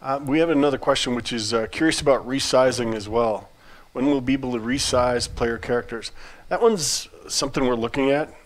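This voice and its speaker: A man's voice: mid-range voice, brisk. Chatty man on a casual livestream. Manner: relaxed, chatty, frequent restarts and fillers. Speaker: game studio CEO co-hosting a livestream.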